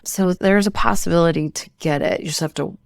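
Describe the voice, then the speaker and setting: A woman co-hosting a podcast, calmly explaining protein and calorie math step by step. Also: on the low side, brisk, gravelly, no room sound, clean studio sound. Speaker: podcast co-host, nutrition expert. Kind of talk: casual explanatory chat.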